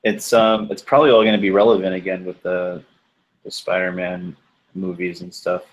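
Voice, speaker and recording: A man's voice: deep voice, level tone, moderate pace. A man from New York chatting casually as a guest, laid-back with stammering restarts. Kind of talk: casual chat. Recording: dull muffled sound.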